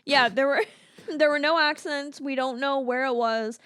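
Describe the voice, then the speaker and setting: A woman with a fairly high voice talks casually as a movie-review podcast co-host. She is chatty and opinionated and swears now and then, all on a dry, close mic. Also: normal speed, a bit bright, no room sound.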